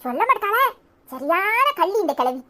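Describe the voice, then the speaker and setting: A woman voicing a nosy, scheming gossip neighbour in a cartoon serial, with a Tirunelveli accent and a shrill, wheedling manner. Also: sing-song, moderate pace, pushed and bright, exaggerated voice. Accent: Tirunelveli Tamil.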